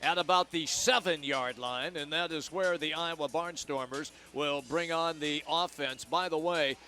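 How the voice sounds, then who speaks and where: A man calling arena football play-by-play on radio, brisk and descriptive. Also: on the high side, pushed and bright, soft background music. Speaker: play-by-play announcer. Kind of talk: radio sports commentary.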